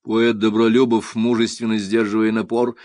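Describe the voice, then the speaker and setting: Мужчина читает аудиокнигу, сухой звук. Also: male voice, fairly low pitch, normal speed, dry recording. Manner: lively, theatrical reading. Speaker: audiobook reader. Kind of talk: expressive audiobook narration.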